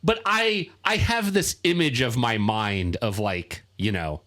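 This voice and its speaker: A man co-hosting a casual podcast chat, talking haltingly with many fillers and restarts. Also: medium pitch, sharp tone. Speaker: podcast co-host.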